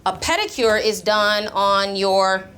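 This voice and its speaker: Teaching young children, this woman explains lessons, reads to them and asks questions to guide them. She speaks slowly in a mid-range, slightly bright voice with fairly even intonation, and there is slight background noise.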